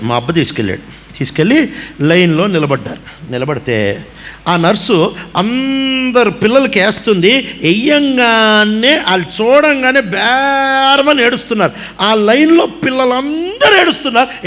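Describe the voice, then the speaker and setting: Animated high-voiced male preacher. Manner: animated storytelling with acted voices and laughter. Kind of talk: sermon.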